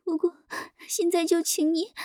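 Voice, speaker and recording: A woman voicing an adult woman character in an erotic audio story, breathy and tearful, pleading. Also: extremely high pitch, level tone, drawn-out words, pushed and bright, no echo, clean studio sound, full character voice.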